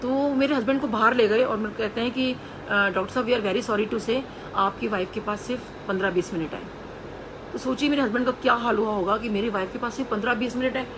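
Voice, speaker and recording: A woman's voice: fairly high pitch, fairly quick, background noise. A woman telling an earnest personal testimony to a congregation, acting out the voices of the people she quotes. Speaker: devotee sharing a testimony.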